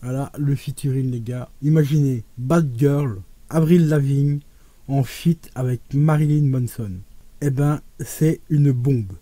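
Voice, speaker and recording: Chatty enthusiastic man, dark mellow voice. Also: takes it slowly, no echo. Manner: enthusiastic and chatty, addresses viewers as friends; animated, with sudden rises and drops in pitch and loudness. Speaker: vinyl collector youtuber. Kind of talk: casual unboxing vlog.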